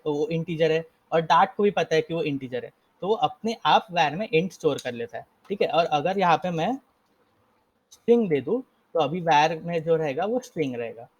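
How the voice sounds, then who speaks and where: A man's voice: on the high side, highs cut off. A young man casually teaching a live coding lesson, explaining step by step and often correcting himself. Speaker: coding instructor.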